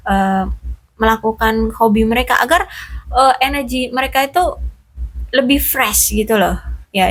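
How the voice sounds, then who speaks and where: A woman's voice: mid-range voice, breathy edge. A woman giving a casual love reading in a chatty, reassuring way, full of fillers. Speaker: tarot reader.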